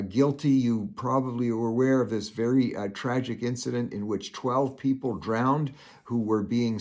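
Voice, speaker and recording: Older guy doing casual commentary, folksy, rambly with lots of uhs, medium pitch. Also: darkish tone. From Canada. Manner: folksy, rambling, many "uh" fillers. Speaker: commentary show host.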